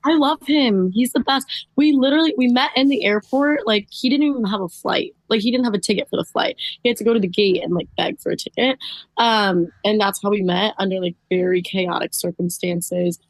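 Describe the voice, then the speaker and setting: A woman's voice: mid-range voice, fairly quick, dry recording. A woman guest in a casual podcast interview, talking chattily with lots of "like" and "um". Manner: chatty, fills speech with "like" and "um".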